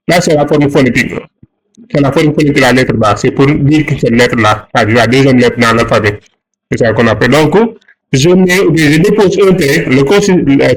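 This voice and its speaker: A man's voice: medium pitch, low-quality recording. Patient man teaching a lesson. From Senegal. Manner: patient, repeats and rephrases each point. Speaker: Arabic teacher. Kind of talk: online lesson explaining exercises.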